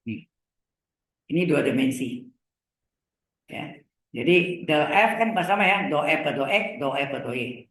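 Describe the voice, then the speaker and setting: Slow, echoey male lecturer. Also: on the high side, animated, fairly bright tone. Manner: slow, repeats terms, asks checking questions. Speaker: university lecturer. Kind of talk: live lecture on vector calculus. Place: classroom or video class. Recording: echoey room.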